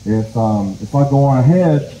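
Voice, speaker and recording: A man voicing a sly male rabbit trickster in a told folk tale, breezy and smooth-talking. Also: mid-range voice, lively intonation, normal speed, warm tone, reverberant, close to an everyday voice, poor audio. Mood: scheming.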